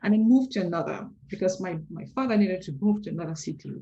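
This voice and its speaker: A woman from Cameroon, giving measured, reflective answers as an interview guest, often pausing with hesitations. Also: lowish voice, lively intonation, dark tone, highs cut off. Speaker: compliance consultant, interview guest.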